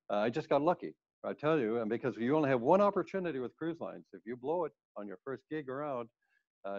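A man's voice: medium pitch, a little mellow. An older man, a cruise ship speaker, giving a conversational slide presentation with rambling restarts. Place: indoors in front of a plain wall. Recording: dull lo-fi sound.

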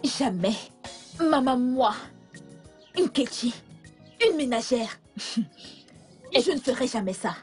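A woman's voice: on the high side, animated, slow pace, pauses often, a little mellow, soft background music. A young woman voicing a defiant, dramatic young village woman in a French film dub. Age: young adult.

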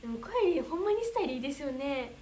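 A woman's voice: sits high, sing-song, rapid-fire, warm tone, a little hiss or hum. A young woman with a Kansai accent, chatting casually on a livestream as an idol, reading fan comments in a bubbly, giggly, easily flustered way. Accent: Kansai Japanese. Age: young adult.

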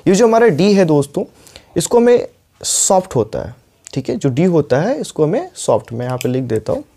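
Man teaching pronunciation, dark warm voice. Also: a little high, very animated. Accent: Indian. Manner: repeats words slowly, checks in with "clear?" and "alright". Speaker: English teacher. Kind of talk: spoken English lesson in Hindi.

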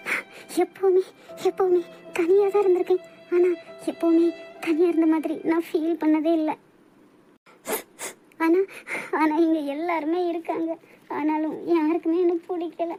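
A woman's voice: extremely high pitch, little pitch movement, normal speed, long pauses, mellow, faint music behind. A woman with a Kanyakumari Tamil accent voicing a lonely young bride in a hobby cartoon, talking in a pleading way. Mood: tearful. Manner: pleading, tearful.

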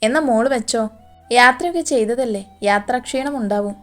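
A caring middle-aged mother speaks in a gentle, soothing way, as a woman storyteller voices her. The voice is fairly high for a woman. Soft music plays faintly underneath. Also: fairly quick, close to an everyday voice.

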